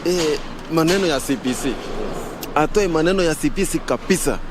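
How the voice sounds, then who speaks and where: A man's voice: a little high, brisk. A man with a Kenyan accent speaking in an outdoor street interview. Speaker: motorbike taxi rider being interviewed. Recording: noisy outdoor street with vehicles.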